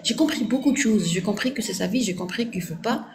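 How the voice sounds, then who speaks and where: A woman's voice: mid-range voice, expressive, brisk, noisy background. A woman speaking French with an Arabic accent, Arabic as her first language, answering viewers in a firm, didactic live stream and checking agreement with "ok?". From Morocco. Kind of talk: casual live-stream talk.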